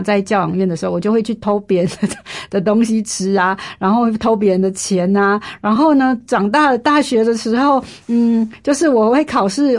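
A woman's voice: on the high side, darkish tone. A woman in her fifties earnestly sharing a personal faith testimony in an interview, repeating herself and using many fillers. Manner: earnest, emotional storytelling with frequent fillers and repetition.

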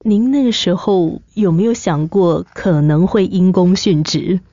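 A woman's voice: fairly low pitch, measured pace, dark tone, dry recording. A woman interviewer asking attentive questions and giving brief affirmations. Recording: dry, slightly muffled recording.

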